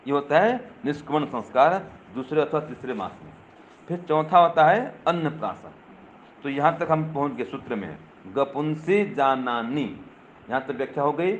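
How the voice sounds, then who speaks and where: Older male preacher, lively and questioning, slightly muffled recording with faint ambience. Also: a little high, brisk, a little hiss or hum. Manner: lively teaching tone, checks with rhetorical questions; addresses listeners directly, teasing. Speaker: swami. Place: gathering with a live audience.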